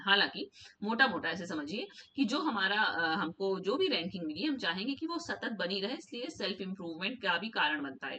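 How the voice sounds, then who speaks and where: Indian woman, education lecturer, bright voice, patient explainer, slightly distant mic. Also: medium pitch, slight background noise. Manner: explains patiently, mixing read English slides with Hindi. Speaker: assistant professor of education. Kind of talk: recorded lecture for students.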